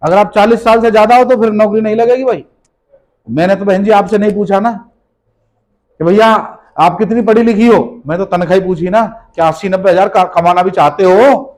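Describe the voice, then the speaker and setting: A motivational business speaker with a high-pitched, slightly mellow voice talks a little fast on a low-quality recording. Facing a live audience in a seminar hall, he scolds with rhetorical questions and emphatically repeats his key phrases.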